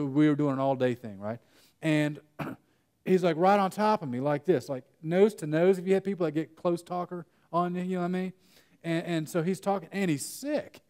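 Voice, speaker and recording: Guy running a workshop, kinda high voice, jokey storytelling with the crowd. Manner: animated storytelling, jokes with the audience. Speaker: workshop speaker. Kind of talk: conference breakout presentation. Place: conference room.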